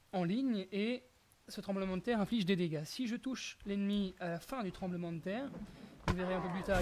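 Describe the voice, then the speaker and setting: A gaming commentator explains gameplay in a casual, explanatory way, stopping and restarting with fillers and self-corrections. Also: mid-range voice. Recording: steady background hiss.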